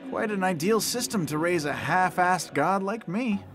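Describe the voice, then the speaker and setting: A man's voice: high voice, expressive, moderate pace. A man playing a skeptical teenage boy in a video game, talking in a casual, wry, grumbling way. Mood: puzzled, accepting.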